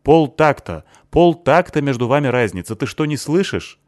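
A man's voice: mid-range voice, big pitch swings, fairly quick, darkish tone, no room sound, studio quality, pitched above the performer's own voice, natural voice. Male reader doing a tough, mocking teen girl in an audiobook, raised voice, clipped lines. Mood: scolding. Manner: snappy, rude, mocking. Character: sharp-tongued, angry eighteen-year-old girl.

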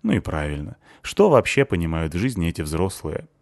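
A man's voice: deep voice, very animated, a little fast, gravelly, a little mellow, dry recording. A man narrating a first-person audiobook with a dry, ironic manner. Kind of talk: audiobook reading.

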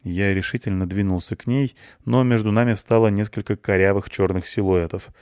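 Low-voiced male audiobook narrator. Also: fairly even intonation, a little fast, darkish tone, no room sound, studio quality. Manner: wry, matter-of-fact storytelling. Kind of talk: first-person audiobook narration.

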